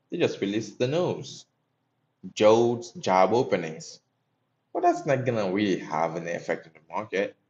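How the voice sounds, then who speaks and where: In a casual live stream, a young man from Haiti talks through his day trades and banters profanely with chat. He has a lowish voice with a darkish tone, heard through dull audio.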